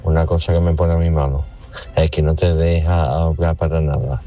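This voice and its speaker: A man calls in with an emphatic, repetitive complaint. His voice is extremely deep and mellow. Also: flat delivery, normal speed. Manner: emphatic, repeats himself. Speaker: caller.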